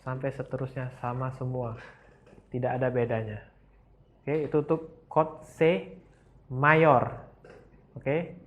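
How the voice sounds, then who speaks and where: A man's voice: a little high, lo-fi sound. A man from Palembang with a Palembang Indonesian accent, teaching a casual beginner piano lesson and patiently checking in with "oke?" after each step. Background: piano keyboard notes.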